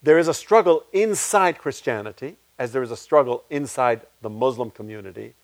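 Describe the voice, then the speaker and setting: A man's voice: brisk, no echo. A man, a playwright, answering audience questions at a public talk in a reflective way, restarting his sentences often. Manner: reflective, restarts often, animated pitch swings. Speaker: guest speaker, playwright.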